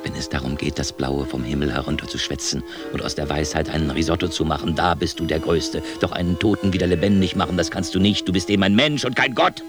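A very deep, cavernous male god in a 1970s radio play, scornful and teasing as he mocks a mortal. His lines sit over a clear bed of violin music. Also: fast talker, few pauses. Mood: mocking. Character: mocking ancient male god, booming and amused. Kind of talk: 1970s radio drama acting. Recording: music playing behind the voice.

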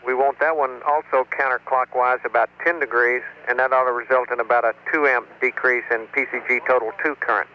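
A man as a mission control communicator on a space radio link, steady and procedural with many pauses. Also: mid-range voice. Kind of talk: air-to-ground radio exchange. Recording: muffled radio with faint hiss.

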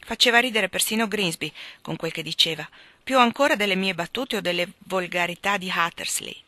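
A woman reading a novel aloud in a measured, expressive storytelling manner. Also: on the low side, no room sound. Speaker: audiobook reader.

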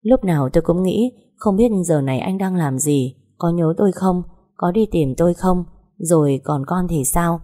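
Casting: woman audiobook narrator, low-pitched, measured and sorrowful first-person telling. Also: dark tone.

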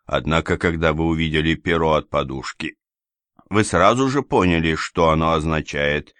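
A man's voice: a bass voice, normal speed, fairly bright tone, clear, resonant tone, dry recording. A man playing a stern provincial investigator. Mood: accusing. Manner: firm, pressing questions.

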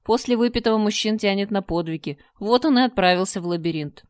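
A woman's voice: mid-range voice, quick pace, dry recording, clean studio sound, lightly acted. A woman voicing an ancient female spider monster that murmurs slyly and grumbles, in an audiobook reading. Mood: smug. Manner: murmuring, sly, clicking and smacking.

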